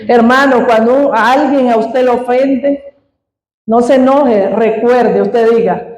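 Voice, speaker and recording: A woman's voice: fairly high pitch, slow, a little mellow, reverberant, rough recording. A woman preacher giving a sermon in an easygoing, conversational teaching manner, often checking in with the congregation. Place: church hall.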